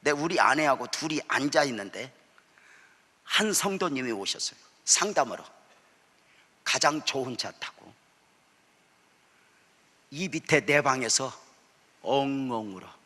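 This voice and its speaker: A male pastor delivers his sermon with a bright, lively voice that climbs high and swings widely in pitch. He tells humorous stories and mimics the people he counsels. The church hall leaves a long echo trailing behind each phrase. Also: a little slow, long pauses. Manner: lively storytelling, acting out church members' words with humor. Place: church sanctuary.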